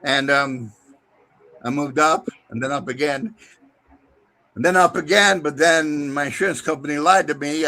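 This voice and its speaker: Higher-pitched man rambling in casual chat. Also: fairly bright tone, low-quality recording. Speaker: military veteran.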